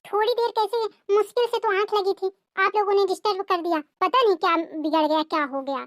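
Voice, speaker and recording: Cartoon sister-in-law, young and scornful, voiced high and nagging by a woman; dry recording. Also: fairly quick, dry recording. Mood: irritated. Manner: taunting, nagging. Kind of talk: cartoon family drama voicing.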